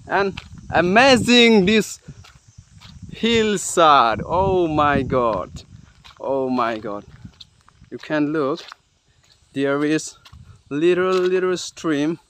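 A man narrating an outdoor exploration vlog in halting, short, repeated phrases. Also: a little high, animated, a bit bright, slight background noise. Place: outdoors on riverbed, hillside and forest.

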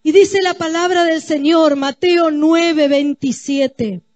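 A woman pastor preaches in a high voice, unhurried and deliberate. She leans on repeated phrases and speaks straight to the congregation. The sound is dry and close. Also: a little mellow, no room sound. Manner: emphatic, repetitive preaching that addresses the congregation. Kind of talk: sermon. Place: church.

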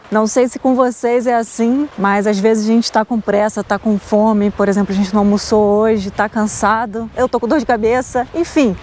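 A woman's voice: a little high, darkish tone, slight background noise. A woman with a Brazilian Portuguese accent, chatting casually as a travel vlogger on a road trip and teasing her husband. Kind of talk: casual travel vlog narration. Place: on a road trip, in and around a car.

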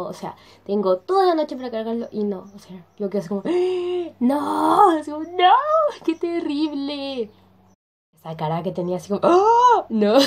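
A woman's voice: mid-range voice, warm tone. Giggly teen girl. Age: young teen. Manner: giggly, chatty, keeps saying "o sea"; says she is shy. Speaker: youtuber. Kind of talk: casual chat. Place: her bedroom, sitting on her bed.

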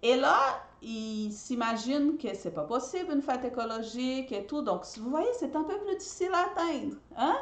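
A woman's voice: high voice, lively intonation, moderate pace, few pauses. A woman hosts a live teaching talk, and her voice swings widely up and down as she explains. She restarts words, repeats herself and keeps asking her listeners if they follow. The sound carries the echo of a hard room. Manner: checks in with listeners often. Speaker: host and trainer.

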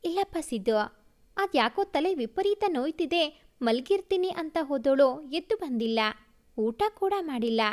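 A woman playing a motherly mother-in-law in a read-aloud family story. She talks briskly and with care, in a high voice. Little change from the narrator's own sound. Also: expressive, darkish tone. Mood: caring.

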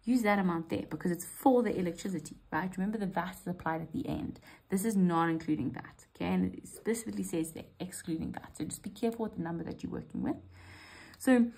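A woman's voice: fairly low pitch, fast talker, vocal fry, a little mellow, slightly rough, low-quality recording. A woman, walking students through an exam paper step by step in a patient, reassuring way. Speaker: maths literacy teacher.

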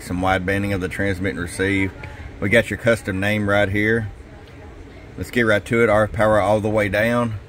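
Bench-testing a CB radio indoors, the shop's owner and technician speaks in a deep, laid-back, folksy voice, repeating "hello" into the mic. It's an easygoing workshop demo with a faint hum in the background.

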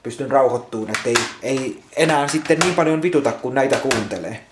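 A man's voice: medium pitch, animated, background noise. Swearing, rambling man in an echoey room. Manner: swears constantly, repeats himself, restarts words. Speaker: vlogger. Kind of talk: angry rambling vlog rant. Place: at home indoors.

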